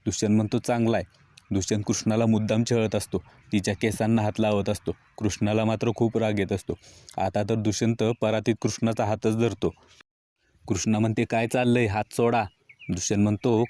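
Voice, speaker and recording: A man's voice: fairly low pitch, dry recording. A man narrating a recap of a TV serial episode, reading the characters' lines in the same storytelling voice. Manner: even storytelling with quoted lines read in his own voice.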